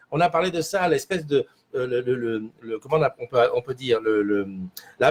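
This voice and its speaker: A man hosting a casual morning livestream from a small studio, rambling and answering viewer comments as he reads them. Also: on the high side. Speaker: livestream host.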